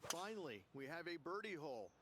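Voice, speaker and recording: A man's voice: a little high, big pitch swings, a little fast, background noise. A man giving golf color commentary, chatty and jokey, laughing easily between points.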